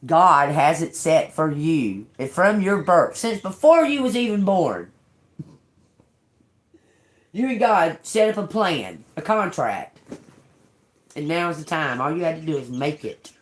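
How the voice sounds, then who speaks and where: A woman in her fifties does a tarot reading for viewers, emphatic and chatty, calling them y'all. Her low voice is expressive and a little slow, with long pauses.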